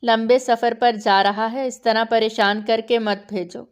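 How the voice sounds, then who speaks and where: A woman narrator voicing a middle-aged mother who gently calms her crying daughter. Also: a little high, clean tone, natural voice. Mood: soothing. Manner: soothing, gently scolding.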